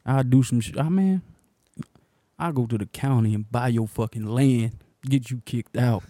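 A man's voice: mid-range voice, moderate pace, warm tone, no room sound, studio quality. A young man co-hosting a casual podcast, ranting bluntly, swearing and laughing often. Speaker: podcast co-host.

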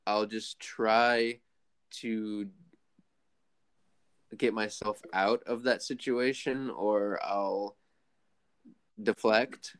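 A man's voice: fairly low pitch, fairly even intonation, very slow, pauses often, clear, resonant tone. A man in casual conversation, reflecting aloud and questioning himself.

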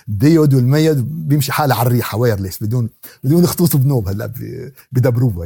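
Male preacher, Syrian Arabic accent. Mellow, husky voice; didactic yet conversational Quran teaching, with rhetorical questions and repeated key words. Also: medium pitch, no echo, studio quality. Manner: conversational, with everyday examples and acted exchanges. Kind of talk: religious lesson on Quran exegesis, mixing classical recitation with colloquial talk.

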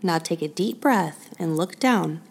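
A woman voicing a kind, steady father rabbit in a storybook, speaking calmly and reassuringly. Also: fairly low pitch, measured pace, creaky, husky, exaggerated voice. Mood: gentle.

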